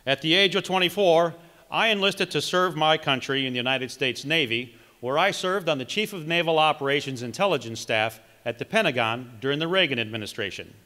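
Middle-aged male candidate, bright and forceful, reading his speech at a podium in a reverberant hall. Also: on the high side, animated. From Wisconsin. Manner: reads from notes, emphatic measured delivery. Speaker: political candidate. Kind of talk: read campaign speech. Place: large conference hall, indoors. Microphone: podium microphone.

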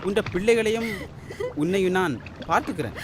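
A man's voice: high-pitched, fairly quick, noisy background, lightly acted. A man acting an authoritative, reassuring employer in an old-fashioned radio drama, earnest and declamatory. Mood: consoling, firm. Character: authoritative, reassuring boss, benefactor of workers' families.

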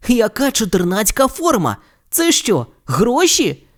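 The audiobook reader voices an excitable boy wizard, speaking in high, eager exclamations. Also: unhurried. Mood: excited. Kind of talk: audiobook character reading.

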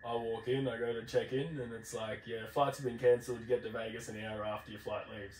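A man's voice: medium pitch, level tone, a little fast, darkish tone. A man with an Australasian accent chatting casually and telling stories in a blokey, slangy, sweary way. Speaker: podcast host. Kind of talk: casual chat, telling travel anecdotes. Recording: roomy, distant mic, faint background noise.

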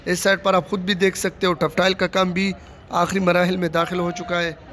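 A man with a high voice narrates a walking tour of a stadium under construction, recorded outdoors on his handheld phone. He keeps up a plain running commentary and repeats his phrases. A faint outdoor ambience runs beneath his voice. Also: monotone, brisk, fairly bright tone, slight background noise. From Pakistan. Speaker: vlogger giving a site tour. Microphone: phone camera held by the speaker.

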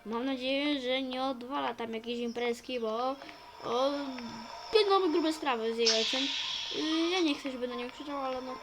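A woman chatting in character as she plays a role-play story, narrating her own actions with sudden excitable outbursts. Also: sits high, normal speed, over music, poor audio.

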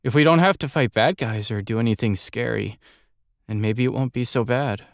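A man's voice: mid-range voice, moderate pace, vocal fry, no echo, clean studio sound, lightly acted. Man doing a shy timid boy. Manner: hesitant and soft.

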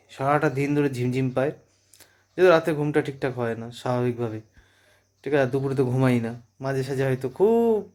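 This vlogger, a man in his thirties, has a mid-range and slightly mellow voice. He's filming a casual family vlog at home at night, patiently coaching his daughter's pronunciation while chatting about his day in easy asides.

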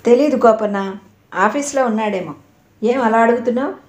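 A woman's voice: fairly high pitch, moderate pace, lightly acted. A woman voicing an older mother who asks caring, curious questions. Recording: roomy echo.

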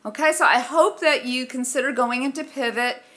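A middle-aged woman from a research office gives an informal instructional presentation at a lectern in a conference room, speaking into a gooseneck microphone. Her voice is bright and higher-pitched, conversational and explanatory, at a moderate pace.

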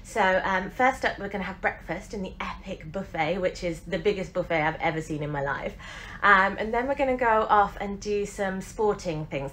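A travel vlogger in her forties gushes enthusiastically to camera as she moves around cruise ship decks, venues and her cabin, holding her phone at arm's length. Her voice is fairly low, with slight background noise plus loud music and a busy crowd behind her.

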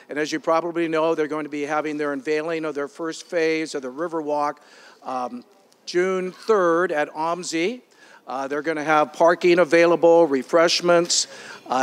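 Male forum host, slightly high, upbeat, filler-heavy. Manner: upbeat, with frequent ums and uhs. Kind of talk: addressing a meeting room. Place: meeting room.

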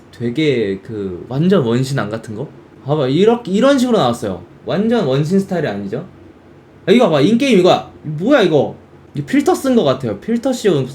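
A young male game streamer with a voice on the high side chats casually about games, with slight background noise. He's animated, exclaiming and acting out reactions in quoted bits.

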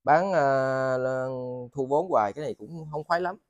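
A man with a southern Vietnamese accent giving a casual, rambling sales vlog, halting and often repeating his words. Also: on the high side, lively intonation, no room sound, lo-fi sound. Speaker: seller of used motors and machine parts. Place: indoors in a cluttered tiled storeroom.

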